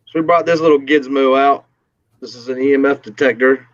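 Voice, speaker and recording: A man explains investigation gear in a halting way, stopping often on ums. His voice sits in a middle range, and it comes through a dull, lo-fi call line that sounds dry and close. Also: medium pitch, steady tone, no room sound. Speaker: paranormal investigator. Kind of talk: casual explanation on a live stream.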